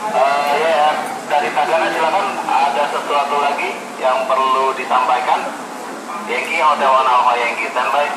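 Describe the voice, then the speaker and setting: A man's voice: medium pitch, steady tone, normal speed. A man runs a radio net like a police dispatcher. He spells out call signs and acknowledges in a formal, procedural way. The recording is echoey and very noisy, with radio and vehicle sounds around him.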